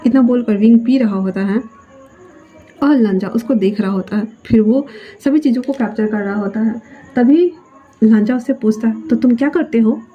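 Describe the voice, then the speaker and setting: A woman's voice: fairly high pitch, moderate pace, breathy edge, soft background music. A woman narrating a story in a chatty, conversational way. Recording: dull lo-fi sound.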